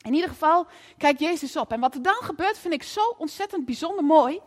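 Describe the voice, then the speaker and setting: A woman preacher delivering a lively storytelling sermon in a church, often asking the audience questions. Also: high-pitched, a little fast, in a large hall.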